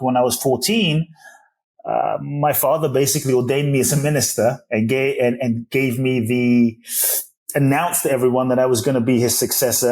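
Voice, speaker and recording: An earnest man in his forties tells his life story as a podcast guest. He was born in Ghana and raised in London, speaks in a voice of middle pitch, and often restarts his sentences. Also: a little mellow. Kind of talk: reflective storytelling interview.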